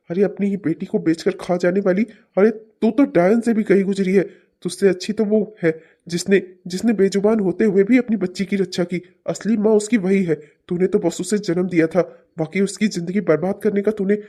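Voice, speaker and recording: A man's voice: sits high, moderate pace, warm tone. A man voicing an angry, protective village father in a cartoon who scolds furiously. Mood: furious, accusing. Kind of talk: cartoon voice acting.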